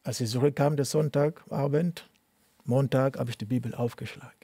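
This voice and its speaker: A middle-aged man from Cameroon telling his life story in an interview, speaking halting, non-native German with many restarts and repeated words. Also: medium pitch, warm tone, slightly rough, no room sound. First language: not German. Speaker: interviewee, tennis coach. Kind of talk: personal testimony interview.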